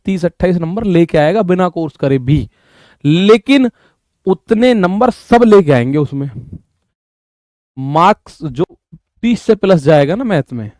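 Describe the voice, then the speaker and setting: High-voiced maths teacher, dry close sound. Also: male voice, a little mellow, dry recording. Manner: talks students through sums step by step, addresses them by name. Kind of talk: live online class teaching.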